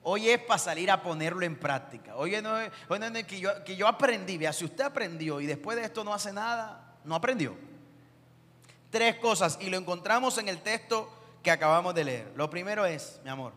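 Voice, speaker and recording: A man's voice: sits high, lively intonation, normal speed, bright, forceful tone. A man preaching a sermon, direct and exhorting the listeners. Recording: long church reverb.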